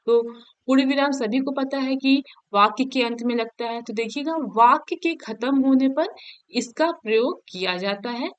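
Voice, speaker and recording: A woman teaching a Hindi grammar lesson for exam prep. She reads each definition slowly, then explains it again in everyday words, often checking "okay?". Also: on the high side, clear, resonant tone, dry recording. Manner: explains each point twice, keeps asking "ठीक है?".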